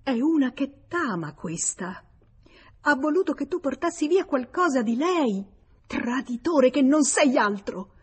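A woman reading an audiobook gives voice to a jealous young woman, a hot-tempered lover with shrill, accusing outbursts. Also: expressive, slow pace, a little mellow, husky, full character voice. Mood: furious. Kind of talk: audiobook character voice.

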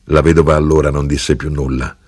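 A man narrating an audiobook of literary fiction, unhurried and expressive. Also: a bass voice, slightly rough.

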